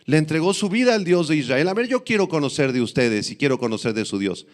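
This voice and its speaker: A man's voice: on the high side, very animated, fast talker. A man briefly voicing a proud, careless young king who asks eagerly to meet a foreign god.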